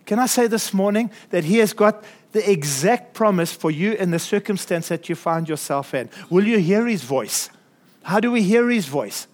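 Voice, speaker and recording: A man's voice: sits high, lively intonation, moderate pace, darkish tone. A man preaching a sermon to his congregation in a church, earnest, with chuckles and asides. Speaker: pastor.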